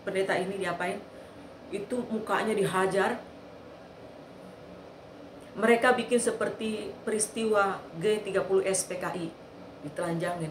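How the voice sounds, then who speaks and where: A woman's voice: on the low side, a little hiss or hum. A woman giving an earnest eyewitness testimony, telling the story with repetition. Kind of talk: personal testimony. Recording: echoey room.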